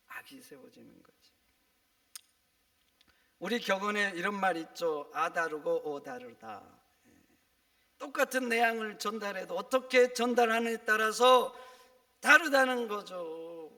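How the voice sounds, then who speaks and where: Bright-voiced preaching man in a hall. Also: high voice. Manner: preaching with big swings from loud emphasis to near whispers. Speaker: pastor. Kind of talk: sermon. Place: church sanctuary.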